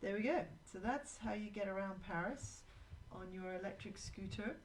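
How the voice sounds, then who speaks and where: A woman's voice: medium pitch, moderate pace, a little hiss or hum, poor audio. A woman hosting a live drawing show, chatting to viewers and telling rambling anecdotes as she draws. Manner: rambling, anecdotal, talks to viewers while working. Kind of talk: chatty live-stream narration while drawing.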